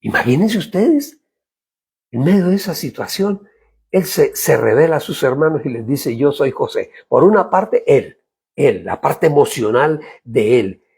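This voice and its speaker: A male pastor preaches slowly with a gravelly, very raspy voice. His pitch rises and falls a great deal, and he often pauses to ask the congregation to imagine the scene. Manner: slow, lively preaching with rhetorical questions and hesitations. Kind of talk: sermon.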